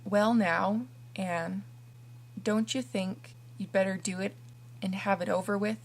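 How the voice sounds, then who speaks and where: Woman reading a timid elderly farmer, hushed and hesitant. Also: medium pitch, fairly even intonation, unhurried. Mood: coaxing. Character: shy, kindly elderly male farmer.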